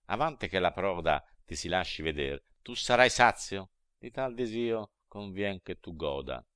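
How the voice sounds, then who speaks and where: A man's voice: low-pitched, smooth, no room sound, clean studio sound. A man reading a wise old poet guide. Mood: reassuring. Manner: calm, fatherly, measured reassurance. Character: wise old male poet guiding a traveler. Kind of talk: dramatic poetry recitation.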